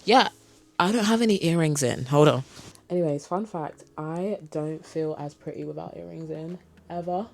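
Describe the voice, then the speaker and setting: A woman's voice: deep voice, moderate pace, creaky, a little mellow. A woman in her twenties from South London, with an accent mixing London and Kent, answering viewer questions in a casual vlog from her bedroom, chatty and candid with frequent asides. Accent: London and Kent mix. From South London, England. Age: 20s. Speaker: vlogger. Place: her bedroom, sitting on a beanbag chair. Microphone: camera in front of her.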